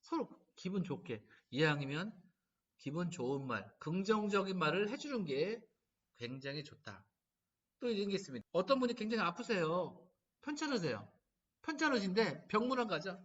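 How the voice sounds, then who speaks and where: Animated man giving a lively lecture. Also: high voice, moderate pace. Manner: animated storytelling, acting out quoted lines. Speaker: laughter therapy lecturer. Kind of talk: humanities lecture. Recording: dull, distant lo-fi recording.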